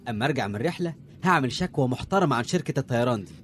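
An actor playing a grumpy, impatient passenger with an Egyptian accent, complaining. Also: male voice, mid-range voice, expressive, very fast, fairly bright tone, slight background noise, natural voice. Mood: grumbling.

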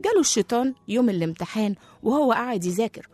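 A woman with an Egyptian accent narrating a children's story, lively and talking to young listeners. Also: fairly high pitch, very fast, faint music behind. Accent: Egyptian Arabic.

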